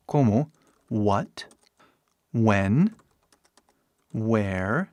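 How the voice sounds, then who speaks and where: A man's voice: mid-range voice, no room sound, studio quality. A middle-aged man teaching pronunciation as a language teacher. English is his first language, and his Portuguese carries an English-speaking accent. He speaks patiently, repeating example words, exaggerating the sounds and often checking in with his listeners. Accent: English-speaking learner's Portuguese. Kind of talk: pronunciation lesson.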